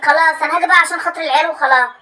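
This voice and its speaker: A woman's voice: high-pitched, fairly even intonation, very fast, sharp tone, rough recording. A young woman with an Egyptian accent, complaining emphatically and repeating herself in a comic sketch. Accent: Egyptian Arabic. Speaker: comedy sketch creator. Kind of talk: comedic monologue with phone calls.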